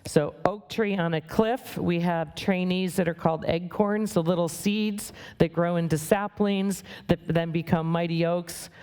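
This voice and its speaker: A middle-aged woman from the United States giving a conference talk to an audience, brisk, wry and plain-spoken. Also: lowish voice, fairly even intonation, darkish tone, clean tone. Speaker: guest speaker. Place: conference hall.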